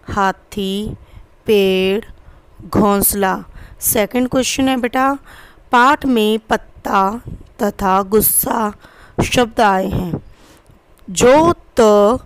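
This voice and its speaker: A woman teacher walks her young students through workbook answers in an unhurried, explanatory way. Her voice is clear and smooth, and it sounds close and dry with no room around it. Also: medium pitch, no room sound. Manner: slow and explanatory, addressing students as "beta". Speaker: primary school teacher. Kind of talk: recorded class lesson going through workbook answers.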